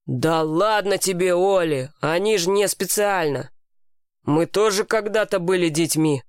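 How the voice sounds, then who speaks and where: A woman's voice: lowish voice, unhurried, smooth, no echo, studio quality, lightly acted. A woman voicing a firm but kindly male firefighter who speaks frankly.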